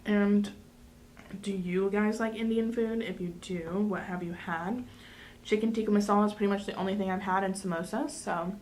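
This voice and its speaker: A woman's voice: mid-range voice, fairly even intonation, moderate pace, a little mellow, a little hiss or hum. A woman hosting a mukbang, chatting casually to viewers between bites of food. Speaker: mukbang host. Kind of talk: casual eating-show chat.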